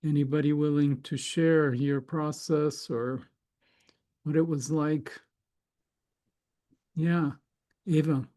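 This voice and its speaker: A man hosting an online gathering, guiding a meditation with calm, slowly paced prompts. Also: on the high side. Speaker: host and meditation guide. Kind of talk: slow guided meditation.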